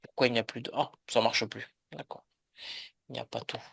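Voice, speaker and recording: Bright-voiced male French teacher. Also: mid-range voice, steady tone, creaky, breathy edge. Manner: patient, explains slowly with many fillers and repetitions. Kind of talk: online language lesson.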